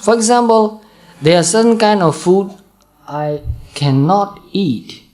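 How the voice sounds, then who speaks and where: Burmese accent monk guy, calm patient teaching voice, kinda high pitched. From Burma. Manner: calm, patient, repeats points slowly. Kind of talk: dharma talk to an audience.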